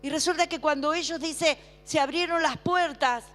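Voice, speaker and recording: A woman preaching a sermon, calling on the congregation to repeat after her and dropping to a hush for emphasis. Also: sits high. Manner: call-and-response, asks congregation to repeat; swings between emphatic slow declarations and hushed drops. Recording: long hall reverb with faint music.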